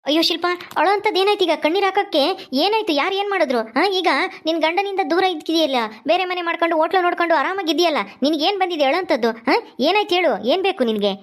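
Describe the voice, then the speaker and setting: A blunt village husband, voiced by a woman, firing off questions at top speed in a very high voice. His manner is brusque and matter-of-fact. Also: racing. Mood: questioning.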